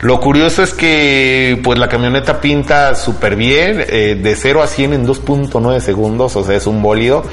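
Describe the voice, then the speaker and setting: A man's voice: mid-range voice, normal speed, few pauses, fairly bright tone. A middle-aged man with a Mexican accent, talking as a host in a casual, colloquial tech news chat and often tagging on small questions for agreement. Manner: conversational, colloquial, seeks agreement with tags. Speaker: podcast host. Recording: background music.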